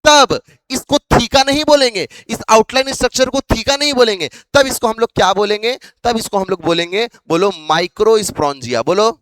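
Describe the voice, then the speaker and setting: A man's voice: extremely high pitch, brisk, hardly any pauses, a bit bright, clear, resonant tone, no room sound. A male biology teacher lecturing a class, asking questions over and over to drill his students.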